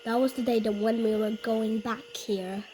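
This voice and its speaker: A woman giving casual vlog commentary in a halting, repetitive way, often restating her phrases. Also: fairly high pitch, fairly even intonation, warm tone, slight background noise. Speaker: video narrator.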